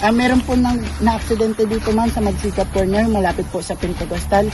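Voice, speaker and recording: A man's voice: high voice, little pitch movement, brisk, lightly acted. A man playing a polite, colloquial bystander reporting an accident. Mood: polite, concerned. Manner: colloquial, respectful. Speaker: witness calling emergency services. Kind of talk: casual amateur role-play dialogue. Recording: noisy outdoor amateur recording.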